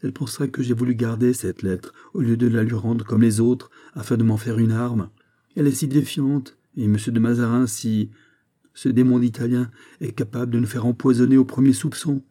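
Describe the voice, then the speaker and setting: A man voicing a fretful old gentleman, higher and urgent. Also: steady tone, fairly quick, lightly acted. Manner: agitated, raised and urgent. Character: anxious old male gentleman tutor, fretful.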